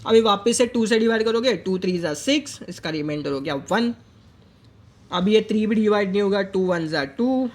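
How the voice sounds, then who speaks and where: Indian man explaining maths in mixed Hindi-English. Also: high-pitched. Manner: mixes Hindi and English, slows down to dictate working steps. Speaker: maths teacher. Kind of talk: whiteboard maths lesson.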